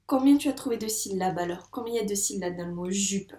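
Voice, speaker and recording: Patient teacher stretching out syllables. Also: female voice, medium pitch, warm tone. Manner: patient, slow, drawn-out syllables. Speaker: first-grade teacher. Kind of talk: phonics lesson addressed to a child. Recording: roomy echo.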